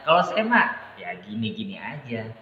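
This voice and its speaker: A man speaking as an interview guest, hesitant with many pauses and restarts, growing lively as he recounts events. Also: lowish voice. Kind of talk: candid personal conversation. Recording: echoey room, dull sound.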